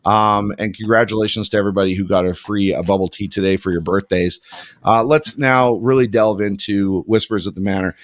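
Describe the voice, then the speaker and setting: A man's voice: fairly low pitch, brisk, no room sound. A man hosting a casual morning talk show, effusive and repetitive, openly getting emotional.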